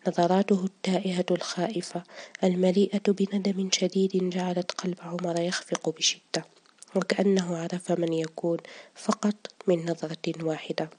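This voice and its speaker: A woman reading a story aloud in a soft, partly whispered way. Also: fairly low pitch, little pitch movement, moderate pace, slight background noise. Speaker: narrator. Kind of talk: scripted story narration.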